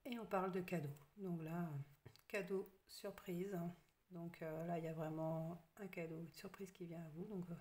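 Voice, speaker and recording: A woman giving a casual tarot card reading, hesitant with many fillers and soft half-whispered asides. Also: lowish voice, fairly even intonation, moderate pace. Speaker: tarot reader.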